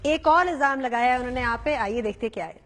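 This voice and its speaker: A woman news anchor questioning a reporter live with crisp, probing questions. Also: sits high, fairly bright tone, in a large hall.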